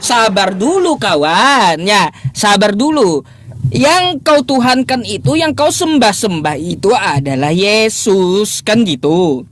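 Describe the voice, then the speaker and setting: A man quizzing an opponent in a relaxed livestream debate, his pitch leaping high and low as he mocks and presses the point. He talks loosely, pausing to think aloud and hunt for his notes before pushing his question again. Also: a little hiss or hum. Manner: mocking, incredulous questioning with frequent laughs; animated pitch swings, thinks aloud while searching notes.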